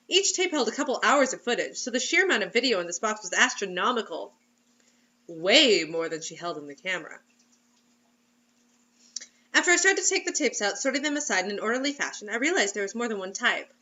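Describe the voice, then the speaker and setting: A woman with a mid-range, pushed and bright voice reads a story aloud in a playful, theatrical, mocking manner on lo-fi audio. As host of this comedic dramatic reading, she breaks off into casual, funny asides.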